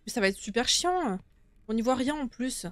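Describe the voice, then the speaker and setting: A young woman with a slightly high voice comments live as she plays a horror game. She talks casually to her viewers, in informal language with some swearing. She speaks into a close microphone in a small room. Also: expressive, normal speed, dry recording. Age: young adult. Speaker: game streamer. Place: small indoor streaming room. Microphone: close desktop streaming microphone.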